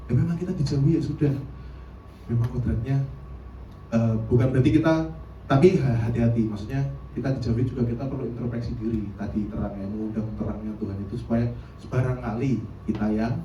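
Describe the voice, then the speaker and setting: A man preaches casually to a youth group, slipping into playful asides and laughing as he goes. His voice is mellow and dark, a little high for a man, and it sits back from the mic in an echoey church hall. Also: far from the mic, lo-fi sound, a little hiss or hum. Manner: playful, laughs often, quotes others in asides. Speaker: youth service speaker. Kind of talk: casual sermon.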